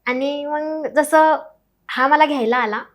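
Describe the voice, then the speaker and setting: A young woman tells her life story as an interview guest, acting out the voices of her family. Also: sits high. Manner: fast, emotional, acts out quoted family members. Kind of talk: emotional personal storytelling.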